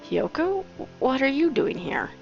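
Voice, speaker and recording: A woman's voice: high-pitched, sing-song, measured pace, vocal fry, pitched above the performer's own voice, heavily acted. A woman voicing an easygoing young male bird friend who talks casually and kindly. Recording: dull lo-fi with game music.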